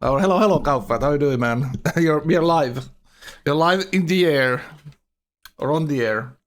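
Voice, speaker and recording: A man with a fairly high-pitched voice casually commentates a game tournament on a live stream. His delivery is loose, halting and rambling, and his speech comes out slightly awkward because his mouth is numb.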